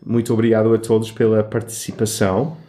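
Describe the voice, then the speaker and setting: A man's voice: on the low side, monotone, brisk, warm tone. A man with a European Portuguese accent co-hosting in casual, easygoing chat, with some hesitations. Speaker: co-host.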